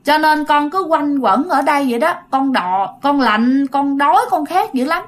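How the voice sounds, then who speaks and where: A woman's voice: high-pitched, lively intonation, moderate pace. A woman voicing the ghost of a young girl under ten who sulks and pleads in a childish, whiny way. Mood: sulky pleading.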